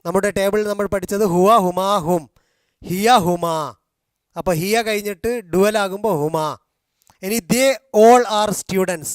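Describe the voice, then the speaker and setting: A man teaching a language class, slowly repeating and drilling grammar forms, with a Malayali accent. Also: sits high, steady tone, no echo, clean studio sound. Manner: slow, drilling repetition of forms. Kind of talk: explaining grammar in a video class.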